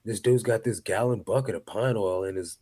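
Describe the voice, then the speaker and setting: A man co-hosting a podcast, chatting casually and telling lively stories with acted-out quotes. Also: lowish voice, brisk, a little hiss or hum. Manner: animated storyteller, acts out quotes. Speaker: podcast co-host. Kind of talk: casual chat.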